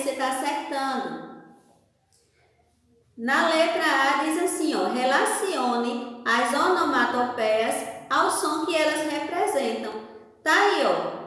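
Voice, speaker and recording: A woman teacher with a Brazilian Portuguese accent, correcting a worksheet aloud, patiently asking questions and pausing for answers. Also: sits high, sharp tone. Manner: acts out sound effects and whispers for examples. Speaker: primary school teacher. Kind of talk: remote lesson correcting a worksheet. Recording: very echoey room with long reverb.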